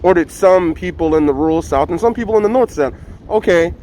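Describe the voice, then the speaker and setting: A fast-talking man with a fairly high, warm voice and lively intonation argues his views in an impassioned street debate, where he is the interviewee. He speaks through a face mask, so he sounds slightly muffled, and he insistently repeats phrases for emphasis. A little hiss or hum is audible.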